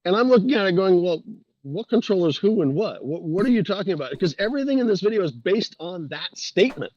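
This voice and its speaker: A man's voice: sits high, sing-song, quick pace, a little mellow, dry recording, lo-fi sound. A man from New England, a guest sailor, chatting on a video call and explaining at length with restarts. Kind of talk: casual chat over video call.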